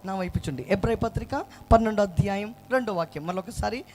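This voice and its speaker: A man from Karnataka preaching a sermon, urging the congregation to repeat after him and answer loudly. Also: high-pitched. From Karnataka, India. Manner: urges the crowd to answer loudly, repeats verses slowly. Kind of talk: sermon with call-and-response. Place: church gathering with a congregation.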